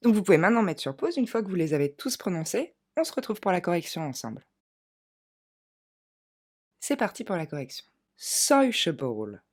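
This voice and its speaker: Lady teacher, very animated up and down voice, says words slow so you repeat them. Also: fairly low pitch, breathy edge. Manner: lively, drills words slowly for learners to repeat. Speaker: English teacher. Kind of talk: pronunciation lesson.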